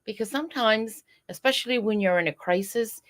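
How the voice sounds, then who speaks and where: A woman's voice: on the high side, fairly quick. A woman who is a guest on a podcast, earnestly advising listeners in casual interview talk. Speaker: guest program director.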